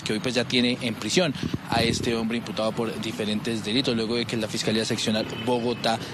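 A man reporting live news in measured, formal phrasing, dropping in an occasional "pues". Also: mid-range voice. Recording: outdoor street noise with traffic.

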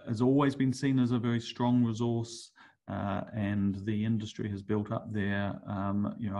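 The sound is lo-fi as a middle-aged man with a New Zealand accent presents a webinar over slides. His voice is lowish and darkish in tone, and he stumbles with many fillers and restarts.

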